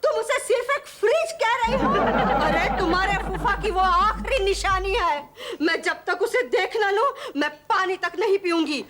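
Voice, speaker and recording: A rich, fussy old aunt in a sitcom: very high-pitched, melodramatic and demanding. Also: female voice, moderate pace, few pauses, a bit bright, some chatter behind. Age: older. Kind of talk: TV sitcom acting.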